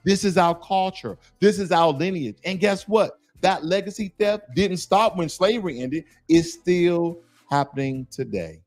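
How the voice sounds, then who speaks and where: A man's voice: high voice, normal speed, few pauses. An American man hosting a livestream, delivering a fervent, defiant rallying cry with emphatic repetition. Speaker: livestream host. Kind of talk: impassioned speech to camera. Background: music.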